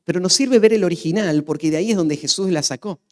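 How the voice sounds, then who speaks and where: A man gives a Bible teaching sermon in a fairly high voice. He moves between hushed, quiet lines and loud, emphatic ones. He often restarts his sentences by repeating a word while he thinks. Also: fast. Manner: stumbles and repeats words while thinking aloud. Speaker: preacher. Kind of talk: expository sermon.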